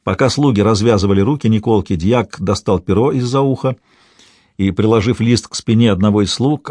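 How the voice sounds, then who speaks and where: A man reading a historical tale aloud in measured, storytelling narration. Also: on the low side, a little mellow, no room sound.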